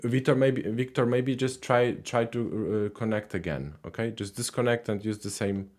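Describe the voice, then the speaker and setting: A man with a mid-range voice runs a live language call-in stream, talking at a moderate pace. He keeps things relaxed with callers, and his speech is full of fillers and repeated words.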